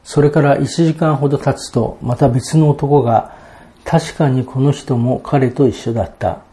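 A male pastor delivering a sermon in a steady, explanatory manner. He reads scripture passages aloud and then unpacks them. His voice has a soft, mellow warmth at an ordinary pitch. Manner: measured expository preaching, reading out Bible verses.

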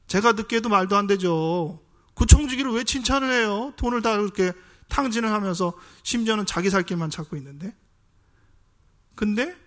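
A man preaching a sermon as pastor, explaining in a conversational way and asking the congregation rhetorical questions. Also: high voice.

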